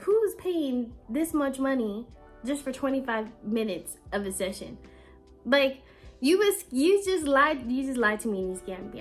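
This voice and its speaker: A woman, telling a casual storytime rant and acting out both sides of the dialogue, indignant and animated. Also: on the high side. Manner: animated, quotes herself and others in dialogue, indignant. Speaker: vlogger.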